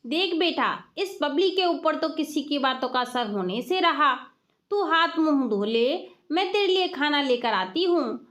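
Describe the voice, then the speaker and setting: A woman voicing a nagging, quick-tempered older mother-in-law in a storybook tale, with a scolding, exasperated manner. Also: sits high, lively intonation, fairly bright tone. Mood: weary.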